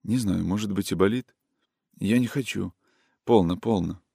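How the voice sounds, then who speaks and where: A man reading a storybook voices a gentle, wistful young woman who speaks in soft, caressing, sing-song folk speech. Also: on the low side, moderate pace, gravelly, slightly rough, dry recording, studio quality. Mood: tender.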